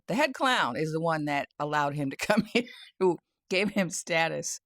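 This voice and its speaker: A woman's voice: sits low, vocal fry, no echo, clean studio sound. A woman giving a casual satirical monologue about the news, often breaking into laughter and talking with sardonic glee. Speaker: tarot and spirit-guide commentator. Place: home, near a garage.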